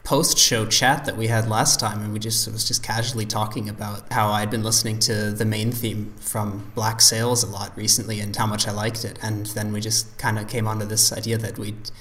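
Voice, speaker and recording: Man, co-host, casual podcast chat, fairly low voice, relaxed, hesitant. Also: normal speed, hardly any pauses.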